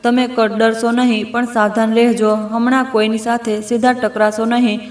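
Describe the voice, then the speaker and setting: A woman voicing a calm, cautious female doctor who gives careful instructions in a storybook reading. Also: fairly high pitch, moderate pace, natural voice. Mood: calm warning. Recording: echoey room.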